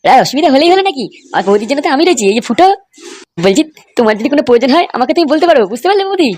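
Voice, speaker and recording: A woman voicing men in a crude comic cartoon, talking in rapid, coarse, scolding banter. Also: high voice, expressive, darkish tone.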